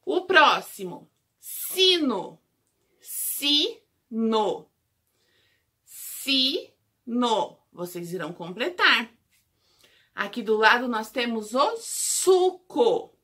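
A Brazilian woman teacher giving a remote lesson to small children, drawing out syllables slowly and clearly. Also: fairly high pitch, very animated, sharp tone. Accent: Brazilian Portuguese. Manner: slow, drawn-out syllable drills for small children.

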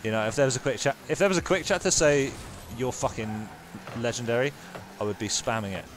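A young man giving live, excitable commentary over his own gameplay, laughing often and gasping at big plays. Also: medium pitch, fairly quick, background noise. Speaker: gaming YouTuber.

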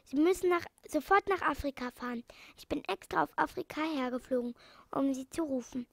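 A woman's voice: sits high, a little fast, vocal fry, no room sound. A woman reading an urgent pleading swallow. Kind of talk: storybook reading.

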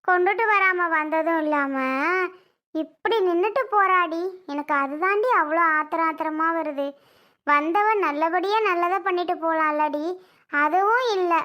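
A woman playing a stern but caring aunt, very high voice. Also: pushed and bright. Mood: annoyed. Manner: scolding, comforting, in colloquial speech. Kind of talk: village family drama skit.

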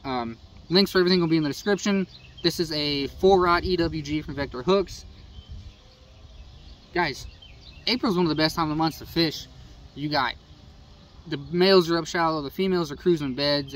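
Outside by a house, a young fishing host shows off his gear to the camera, easygoing and rambling, in a Midwestern American accent. He has a fairly high, fairly bright voice. His phone is held at arm's length, so the audio is slightly distant, with a faint outdoor background.

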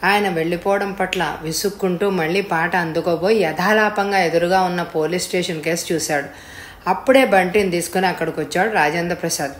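A woman's voice: lowish voice, brisk. Woman narrating a story, echoey room. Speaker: audiobook reader. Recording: echoey room with faint hiss.

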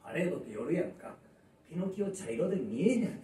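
Kansai guy in his 50s doing stand-up, high voice jumping all over, echoey room, mic off at a distance. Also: fast, a little hiss or hum. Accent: Kansai Japanese. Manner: lively storyteller who acts out voices. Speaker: stand-up comedian. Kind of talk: stand-up monologue. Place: small underground live venue.

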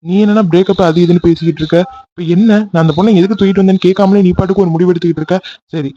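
A man's voice: high voice, steady tone, very fast, warm tone, highs cut off. A man voicing a young man in a cartoon love story, pleading insistently with his angry girlfriend. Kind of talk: cartoon voice acting.

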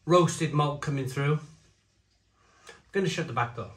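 A chatty man talks his way through a beer tasting, his slightly high voice bouncing around the hard walls of an echoey conservatory. He rambles and chuckles between tasting notes, and the room sound is roomy and reflective throughout. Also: moderate pace, fairly bright tone. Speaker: beer reviewer. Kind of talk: casual beer review vlog. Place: conservatory at home.

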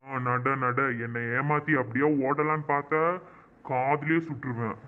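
A man voicing several parts in a comic cartoon, going from gruff threats to soft pleading. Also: medium pitch, steady tone, unhurried. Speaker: voice actor for a village comedy cartoon. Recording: tinny phone-like sound.

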